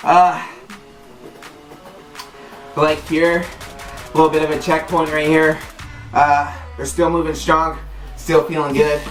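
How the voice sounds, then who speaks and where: Echoey, halting casual vlogger of medium pitch. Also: flat delivery. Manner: halting, repetitive, filler-heavy with "like". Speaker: YouTube challenge host. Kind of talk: casual vlog chat to viewers. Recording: echoey room, distant mic, faint music.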